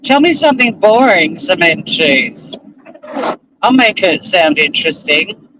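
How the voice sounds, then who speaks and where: A middle-aged Australian man, both vlogger and lawyer, chats to camera from behind the wheel in a rambling, self-deprecating way, swearing casually. His voice sits high with big pitch swings, a measured pace and a sharp tone. The audio is poor, with slight background noise.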